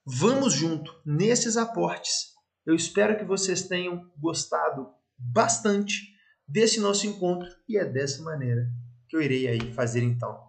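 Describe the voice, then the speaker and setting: A man's voice: a little high, unhurried, gravelly. Emphatic Brazilian man teaching investing. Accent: Brazilian Portuguese. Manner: energetic, emphatic, repeats phrases for stress. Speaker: investment educator. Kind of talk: casual online lesson walking through charts.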